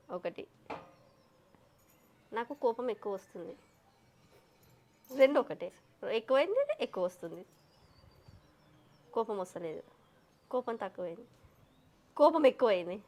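A woman's voice: mid-range voice, animated, unhurried, long pauses, a little mellow. A woman, playfully calling out guesses in a casual family game. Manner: playful, repeats guesses aloud, laughs. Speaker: vlog host, guessing player.

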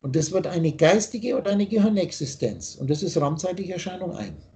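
A man's voice: high voice, lively intonation, a little fast, dark tone. A man teaching on a video call, lecturing insistently and spelling out letters as he explains. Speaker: spiritual teacher.

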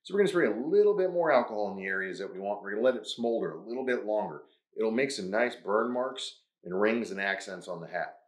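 A man's voice: lowish voice, animated, fast talker, roomy sound. A man hosting a hands-on craft tutorial, who talks upbeat through each step. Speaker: host.

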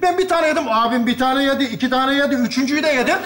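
A man's voice: extremely high pitch, very fast, background noise. A man acting in a stage comedy sketch, laughing while he tells a long tale. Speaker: sketch comedy actor playing a friend.

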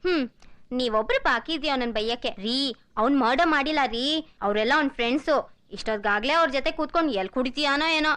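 Young woman defending her man, high, quick voice. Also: a bit bright, clean tone. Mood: defensive. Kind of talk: film dialogue.

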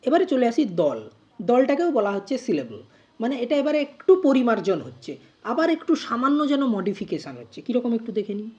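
Woman teacher with a lively, husky voice. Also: on the high side, dull audio. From West Bengal, India. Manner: explanatory, spells out words slowly syllable by syllable. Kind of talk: grammar lesson.

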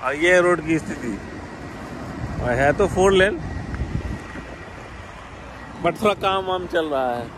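A man's voice: fairly high pitch, expressive, takes it slowly, pauses often. Middle-aged man vlogging a bus trip. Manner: chatty, narrating on the move. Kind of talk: casual travel vlog. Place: bus, roadside dhaba and highway halt, outdoors at night and dawn. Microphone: phone held at arm's length. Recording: noisy outdoor traffic.

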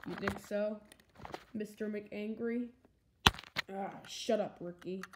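A woman's voice: mid-range voice, steady tone, slow pace. A young player voicing toy race cars on a carpet, switching between playful character voices, recorded on a handheld phone. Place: carpeted room indoors. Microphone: handheld phone camera. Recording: loud handling noise from phone.

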